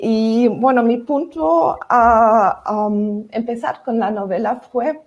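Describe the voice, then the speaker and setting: A woman with a fairly high voice speaks at a very slow pace. She has a foreign, non-native accent in Spanish and searches for her words as she explains her writing in a panel discussion. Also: a little mellow, muffled recording. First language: not Spanish. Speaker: novelist, panel guest.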